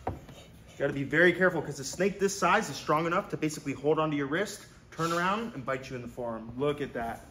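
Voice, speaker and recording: An excited young man hosting a handheld wildlife vlog in a slightly high voice. He talks casually and enthusiastically to the camera, full of slang and exclamations, with some room noise behind him. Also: fast. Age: 20s. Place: indoor reptile room with concrete floor. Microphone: handheld phone or camera, varying distance.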